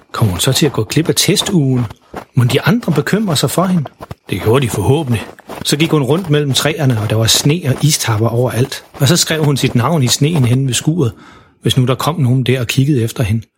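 A man's voice: medium pitch, a little hiss or hum. A man narrating a children's story in simple, plain storytelling.

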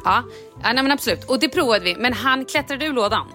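Animated woman telling a story, faint music. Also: on the high side. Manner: animated storytelling, acting out her own lines. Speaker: podcast host. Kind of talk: casual chat.

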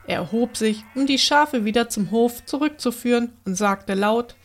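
A woman reading a children's bedtime story aloud in a gentle, expressive way. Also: on the high side, normal speed.

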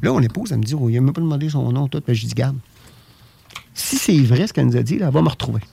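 A man with a Québécois French accent tells a personal story in a casual, animated way, stumbling over and repeating his words. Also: medium pitch, fast, vocal fry, a little hiss or hum. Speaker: guest telling an experience.

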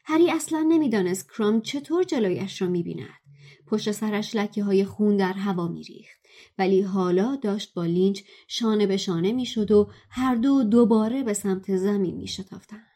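A woman narrating a novel excerpt in a steady, measured storytelling voice. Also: medium pitch. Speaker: guest reader.

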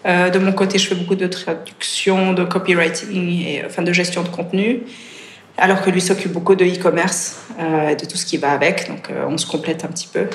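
A woman's voice: lowish voice, fairly even intonation, fairly quick. A woman in her thirties from Switzerland, a podcast guest speaking modestly with many hesitations and fillers. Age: 30s. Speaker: guest triathlete. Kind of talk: podcast interview. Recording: echoey room with faint noise.

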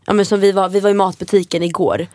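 Animated young woman telling stories, dry sound. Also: medium pitch, no room sound. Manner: animated storyteller, acts out quarrels, swears casually. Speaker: podcast co-host. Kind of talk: casual chat.

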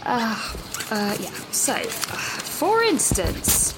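With huge pitch swings and drawn-out words, an actress gives a full character voice, fairly high, to a jittery young British student leaving a breathless, rambling voice message on an outdoor walk. She keeps interrupting herself nervously. Loud music plays over the poor-quality audio drama recording.

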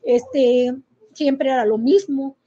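A middle-aged Mexican woman telling her personal testimony in an interview, halting and emotional, with many fillers and restarts. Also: high-pitched, lively intonation, warm tone. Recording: muffled lo-fi recording.

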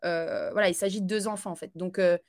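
A woman speaking as a podcast guest in a loose, conversational way. She hesitates often, fills pauses and restarts her sentences. She laughs easily as she talks about her life. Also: fairly low pitch, steady tone, a little mellow. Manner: chatty, halting, with many fillers and restarts. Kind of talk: casual conversational interview.

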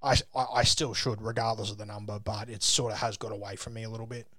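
A man's voice: on the low side, flat delivery, fast talker, sharp tone, no room sound. An Australian man chatting casually, giving advice in a matey, blokey way and swearing freely. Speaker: social media sports page creator giving advice. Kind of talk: casual phone chat.

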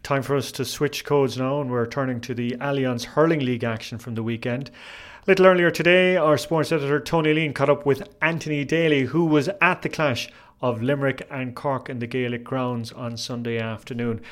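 A man's voice: medium pitch, fairly even intonation, normal speed, a bit bright. Irish male podcast presenter. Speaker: podcast host. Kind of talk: scripted podcast links and sponsor read.

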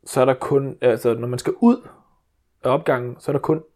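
A man's voice: mid-range voice, fairly even intonation, darkish tone. A man tells a story from home life. He rambles and restarts often, with a mid-range voice. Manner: rambling with many restarts and fillers. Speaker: father telling a story. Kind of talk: casual storytelling chat.

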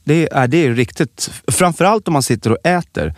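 A man co-hosting a podcast, chatting casually and telling stories with animated delivery. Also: no echo, studio quality. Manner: animated storytelling, lively pitch. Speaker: podcast co-host. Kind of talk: casual chat.

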